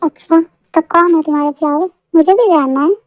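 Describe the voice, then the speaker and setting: A woman's voice: extremely high pitch, moderate pace, no echo. A woman voicing a bossy, sulky young wife who scolds and teases her husband in a fan audio story. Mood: scolding. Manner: scolding, pouty, dramatic. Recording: dull lo-fi dry recording.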